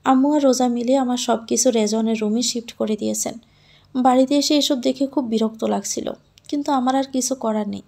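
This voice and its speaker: Woman, first-person story narration, measured and plaintive, higher pitch, gravelly texture. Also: steady tone, warm tone.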